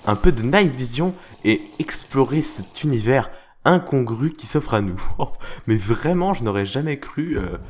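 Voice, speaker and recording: A man's voice: mid-range voice, lively intonation, unhurried, darkish tone, a little hiss or hum. A man hosting a semi-roleplay game video, commenting in a mock-formal, theatrical way with many hesitations. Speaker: let's play host.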